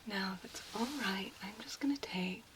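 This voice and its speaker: A woman playing a gentle, reassuring doctor in a soft, unhurried whispered role-play. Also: mid-range voice, noisy background, close to an everyday voice. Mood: calm, attentive.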